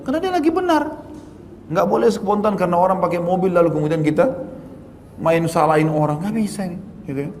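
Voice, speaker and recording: A man, an Islamic preacher, giving a conversational religious study lecture with everyday examples and Arabic phrases, his pitch jumping up for emphasis. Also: darkish tone, a little hiss or hum. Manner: rises sharply in pitch for emphasis. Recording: reverberant hall with faint ambience.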